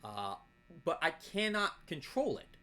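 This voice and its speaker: Opening card packs, a man with a fairly high, very animated and slightly bright voice chats in a relaxed unboxing style. He drifts between topics and reads card names off in rapid lists.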